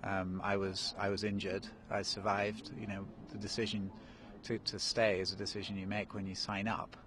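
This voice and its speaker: Out in the snow, a national park director in his forties who grew up in Kenya answers a live TV interviewer's questions through a handheld mic the interviewer holds. His delivery is completely flat and moderately paced, his voice on the low side, hesitant with many ums and restarts, and the background is noisy.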